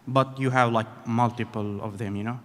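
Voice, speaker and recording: Give me a man from Syria asking a conference question haltingly, in a reverberant hall. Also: medium pitch, fairly even intonation. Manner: halting non-native phrasing, searching for words. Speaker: audience member asking a question.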